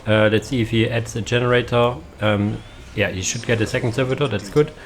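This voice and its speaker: A man's voice: medium pitch, steady tone, a little fast, slight background noise. A young man giving casual, hesitant commentary on a strategy game match, with many fillers and restarts. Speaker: caster.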